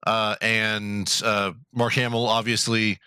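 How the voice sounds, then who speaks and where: A man's voice: lowish voice, little pitch movement, slow pace, sharp tone, clear, resonant tone, dry recording. A man co-hosting a podcast in casual chat, rambling and profane with many restarts. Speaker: podcast co-host.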